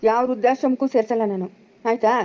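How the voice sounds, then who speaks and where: A woman's voice: a little high, quick pace, warm tone, natural voice. A woman playing a bossy village brother-in-law in a family drama, scolding and commanding in a rural Chikkaballapura Kannada accent. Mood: persuading.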